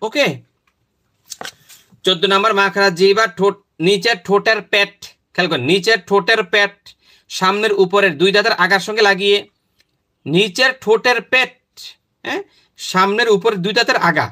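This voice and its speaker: A man leads a step-by-step pronunciation lesson. His voice sits high and sounds bright and forceful. He says each sound slowly and repeats it over and over. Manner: repetitive, demonstrating sounds slowly and often. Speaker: teacher.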